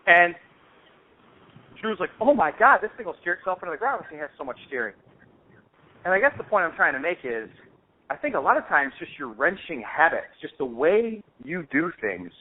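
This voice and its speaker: A slightly high male voice, very animated and at normal speed, comes over dull lo-fi phone-call audio. He hosts a hobby show and casually tells stories in a loose, slangy, rambling manner.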